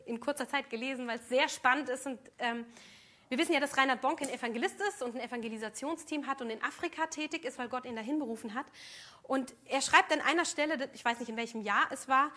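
A woman's voice: high-pitched, bright, forceful tone. A woman preaching a sermon, earnest and emphatic, speaking directly to her congregation.

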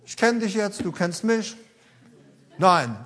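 High-voiced man preaching conversationally. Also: animated, slow pace, fairly bright tone. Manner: conversational preaching, addresses listeners directly, rising emphasis. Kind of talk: sermon.

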